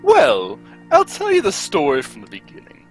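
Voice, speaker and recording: An actor performs a genial older gentleman doctor in an old-time radio play. The delivery leaps dramatically up and down, full of exclamations and hearty storytelling. Light music sits behind the voice. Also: medium pitch, wildly swooping pitch, moderate pace, creaky.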